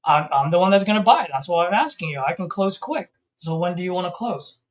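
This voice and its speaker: A man, a real estate investor, on a casual sales call with a seller, friendly and joking while he pushes for a lower price. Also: animated, fast talker. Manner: friendly, pushy haggling, jokey.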